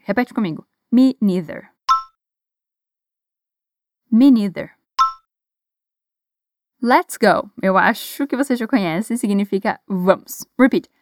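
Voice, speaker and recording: A woman with a Brazilian Portuguese accent teaching an English lesson. She pronounces model phrases slowly and carefully, has learners repeat them after her, and encourages them. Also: fairly high pitch, a little mellow, dry recording, studio quality.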